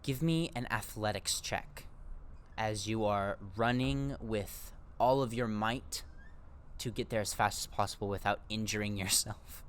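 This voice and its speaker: A man's voice: on the low side, unhurried, smooth. A man narrating a tabletop game as game master, descriptive and paced with frequent fillers.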